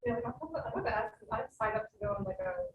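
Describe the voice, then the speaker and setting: A woman's voice: on the high side, expressive, racing, phone-quality sound, background noise. A woman in the audience, asking the panel a question hesitantly with many likes. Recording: echoey room, distant mic, crowd.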